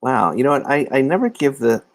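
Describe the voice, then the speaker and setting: A man's voice: medium pitch, sing-song, a little fast, no room sound. A man hosting a casual livestream, rambling and self-deprecating as he talks to viewers from a room. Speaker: livestream host. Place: indoor room. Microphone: phone or laptop camera mic.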